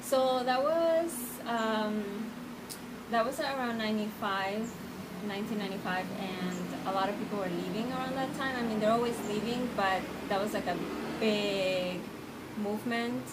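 A woman in her thirties, born in Cuba and raised in the United States, answering interview questions in a relaxed, thoughtful way. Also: medium pitch, moderate pace, noisy background. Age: 30s. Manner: relaxed, thoughtful, with small laughs and fillers. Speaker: interview guest. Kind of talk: casual interview. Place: outdoor porch in a tropical garden.

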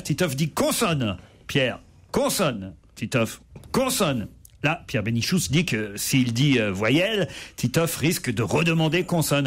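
A man telling jokes on a radio talk show, animated and playful. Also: fairly high pitch.

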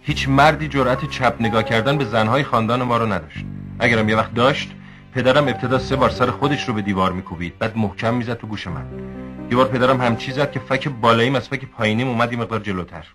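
A man as a deadpan film narrator over music. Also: mid-range voice, close to an everyday voice. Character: deadpan man narrating his family past.

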